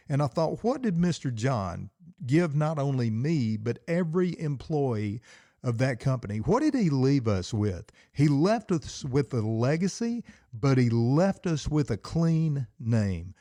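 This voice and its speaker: A middle-aged man talks alone into the mic in his basement, working himself up like a pastor in the pulpit. His voice is warm and low in color, recorded close and dry with no room sound. He hammers points home with repeated, emphatic phrases. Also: no room sound. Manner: fired-up, emphatic, preacherly repetition. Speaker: podcast host and pastor. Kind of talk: solo podcast with preaching.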